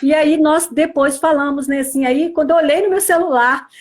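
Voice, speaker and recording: A woman's voice: high-pitched, fairly even intonation, brisk. A woman with a Brazilian Portuguese accent from Espírito Santo, earnestly telling her religious testimony with many small fillers. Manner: earnest storytelling, filled with "né, assim". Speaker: church member giving testimony.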